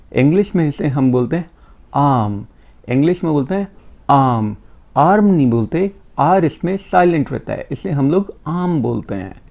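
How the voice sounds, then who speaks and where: Gravelly-voiced man teaching vocabulary. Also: a little high, mellow. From India. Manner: repeats each word slowly and patiently. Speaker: English teacher. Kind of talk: vocabulary lesson.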